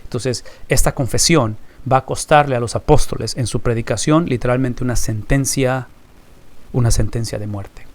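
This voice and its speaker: A man's voice: medium pitch, fairly even intonation, normal speed. A man teaching a recorded Bible class, emphatic and fond of rhetorical questions he answers himself.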